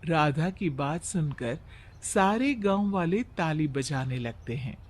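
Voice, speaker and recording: A man's voice: a little high, lively intonation, slow. A man narrating a scripted moral story as its storyteller.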